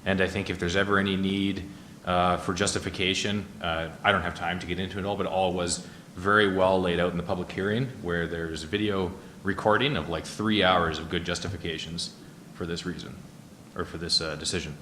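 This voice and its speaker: A man speaking as a councillor in a meeting, measured, with filler words. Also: sits low, fairly even intonation, sharp tone. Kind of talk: council debate remark. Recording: echoey chamber with faint noise.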